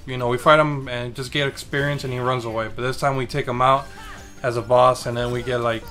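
A man's voice: medium pitch, flat delivery, brisk, pushed and bright, soft background music. A man casually recapping a video game while playing, rambling and joking with lots of swearing, and saying he is tired. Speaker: gameplay commentator. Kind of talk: casual let's-play recap.

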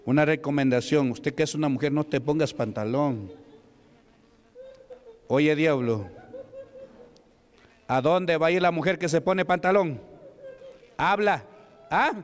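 A man's voice: a little high, measured pace, pauses often. A man from Peru preaching as a deacon, commanding and rebuking at a deliverance service in a church. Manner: commanding, repetitive shouted rebukes. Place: church sanctuary. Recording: echoey church hall.

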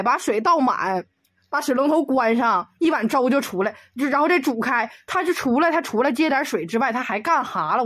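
A woman's voice: sits high, a bit bright, dry recording. Exasperated woman ranting. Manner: exasperated, rapid rhetorical questions. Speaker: video commentator. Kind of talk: comedic rant.

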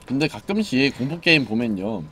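Animated Korean-speaking male game streamer. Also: mid-range voice, a little fast, slight background noise. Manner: joking, swings between mumbling and excited yelling. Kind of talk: live-streamed horror game commentary.

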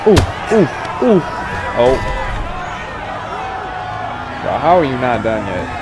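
A young man casually commentating his own video game fight, excitable and loud in his reactions. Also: mid-range voice, slow pace, heavy background noise. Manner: excitable, shouting reactions and laughter. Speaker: gaming video host. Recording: game music and crowd underneath. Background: game music and arena crowd.

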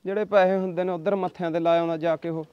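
A man's voice: sits high, flat delivery, fast, clear, resonant tone, lightly acted. A man with a Punjabi accent playing a young farmer in debt, pleading and making excuses to put off paying. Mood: evasive. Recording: dull dry lo-fi recording.

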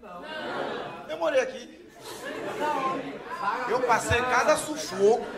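A young Bahian man doing stand-up, with a very high voice that curses freely and acts out every line of dialogue. He is heard from a distance in a big echoing hall. Loud audience noise and laughter fill the background. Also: slow pace. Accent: Bahian Portuguese. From Bahia, Brazil. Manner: profane, animated, acts out dialogue. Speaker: stand-up comedian. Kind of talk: stand-up comedy storytelling. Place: comedy stage before a live audience. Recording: roomy hall, distant mic, loud crowd.

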